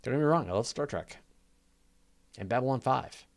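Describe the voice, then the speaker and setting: In this clip the man running the live astronomy Q&A has a medium-pitched voice with lively intonation at a normal speed. He explains off the cuff in a conversational, emphatic way, using repetition and ordinary analogies to build his case.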